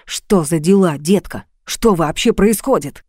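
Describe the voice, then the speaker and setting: A woman reading the part of a jealous young lover, harsh and accusing in a dark, mellow voice. The recording is dry and close, with no room sound. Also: fairly low pitch, animated, measured pace, dry recording. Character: angry jealous young man, Lili's lover. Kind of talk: audiobook reading.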